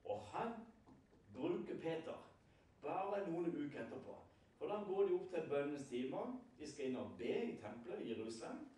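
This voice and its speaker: A man with a fairly high voice preaches a sermon, spinning scripture into a lively story and checking in with the congregation through rhetorical questions. He stands well back from the microphone. His words ring through a very reverberant hall. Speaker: lay preacher. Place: prayer house hall. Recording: very echoey hall, far from the mic.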